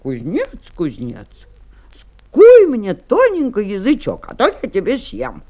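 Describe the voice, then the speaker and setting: A woman voicing a big greedy grey wolf from a folk tale, with a slow drawn-out sing-song delivery. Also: medium pitch, huge pitch swings, mellow, full character voice. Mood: threatening.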